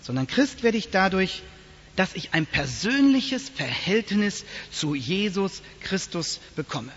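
A man preaching a sermon to his congregation in a church, telling stories in a lively, animated way. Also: high voice, slow. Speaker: pastor. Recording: dull lo-fi sound, long church reverb.

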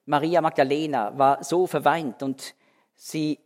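A man teaching through a Bible passage as a preacher, swinging between emphatic raised phrases and hushed, slow endings. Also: a little high, steady tone. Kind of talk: verse-by-verse Bible teaching sermon. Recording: long hall reverb.

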